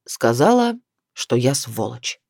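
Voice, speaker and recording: A woman's voice: rumbling low, very animated, takes it slowly, vocal fry, a little mellow, dry recording, clean studio sound, voice pushed down, exaggerated voice. A woman reading the part of a jovial middle-aged husband who mocks and then turns defensive. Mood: subdued. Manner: mocking, wry storytelling.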